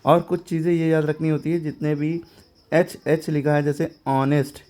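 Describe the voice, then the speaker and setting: A man teaching English grammar in Hindi. He explains each point step by step, keeps asking if it is clear, and reads the English example sentences slowly. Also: a little high, level tone, mellow. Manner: explains step by step, often checks understanding with questions.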